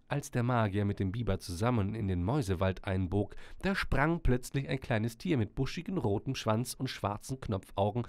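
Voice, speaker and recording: Man, storybook narrator, gentle, lively intonation, dry close sound. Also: lowish voice, no room sound.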